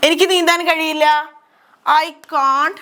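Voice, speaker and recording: A woman's voice: very high-pitched, fairly even intonation, slow, bright, forceful tone, a little hiss or hum. A woman with a Malayali accent teaching English grammar, asking questions and answering them herself. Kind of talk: grammar lesson explained in Malayalam.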